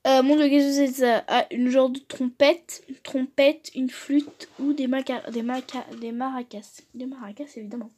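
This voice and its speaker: A woman's voice: high voice, steady tone, normal speed, few pauses, darkish tone. A young woman casually showing her old school notebooks, reading the exercises aloud, joking and trailing off into mumbles. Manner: chatty, reads aloud and jokes, trails off into mumbles. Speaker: vlogger. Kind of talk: casual vlog commentary.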